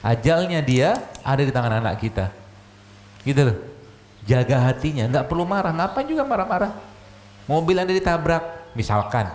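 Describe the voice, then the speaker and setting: A man's voice: mid-range voice, a little mellow. A man, a doctor giving a religious health lecture, chatty and full of rhetorical questions. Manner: conversational, rhetorical questions, frequent "gitu loh" asides. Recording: echoey room, faint ambient noise.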